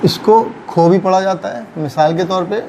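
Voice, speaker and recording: A man teaching a kanji lesson, explaining slowly and patiently and repeating each reading. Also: sits high, warm tone, a little hiss or hum, rough recording. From Pakistan. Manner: slow, patient, repeats words, checks in with "theek hai". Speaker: Japanese language teacher.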